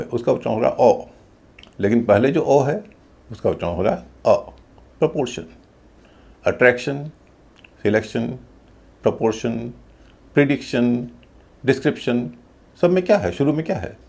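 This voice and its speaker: A man's voice: mid-range voice, mellow. A man teaching English pronunciation, explaining rules and stressing example words. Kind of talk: explaining a lesson to camera.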